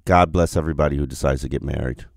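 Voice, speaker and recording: A man's voice: extremely low pitch, racing, gravelly, no echo, clean studio sound. A man co-hosting casual sports talk radio, speaking bluntly in short interjections.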